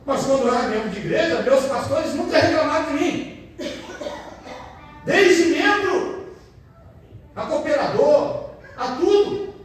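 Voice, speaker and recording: A man's voice: extremely high pitch, animated, unhurried, pauses often. A man with a Brazilian accent, a pastor preaching a sermon with personal testimony, calling the congregation brothers and asking for amens. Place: church hall, indoors. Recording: very echoey church hall, mic far off.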